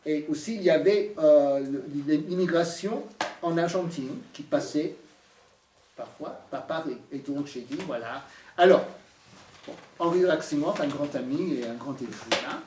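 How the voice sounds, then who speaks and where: A man with an American accent giving a halting talk about his book, full of fillers and restarts. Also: fairly high pitch, darkish tone, a little hiss or hum. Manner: hesitant, many fillers and restarts. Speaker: author presenting his book. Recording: echoey room from far off.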